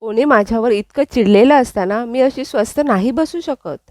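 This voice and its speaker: A woman voicing a lively, apologetic young woman who is a student, in a retold serial scene. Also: a little high, normal speed, dry recording, studio quality, lightly acted. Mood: pleading. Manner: pleading, then cheerful. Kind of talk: recounted serial dialogue.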